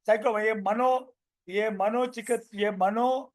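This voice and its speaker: Man, high voice, business coach, energetic and repetitive, video call audio. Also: takes it slowly. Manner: energetic, repeats phrases, role-plays sales calls. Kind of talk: live online training session.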